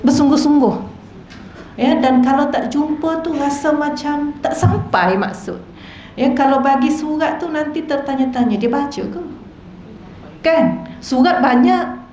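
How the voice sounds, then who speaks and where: Speaking in a high, slightly mellow voice, a woman religious teacher with a Malaysian Malay accent lectures in a mosque hall and asks her listeners rhetorical questions. The hall sounds echoey, and the lo-fi recording is dull with a slight hiss or hum.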